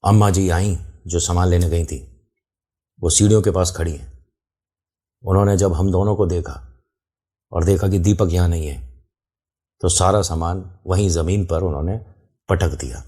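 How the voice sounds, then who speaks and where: A man's voice: sits low, steady tone, moderate pace, pauses often, mellow, husky. A man telling a true-style horror story in casual first person. He talks to the listener directly and explains the scene as he goes.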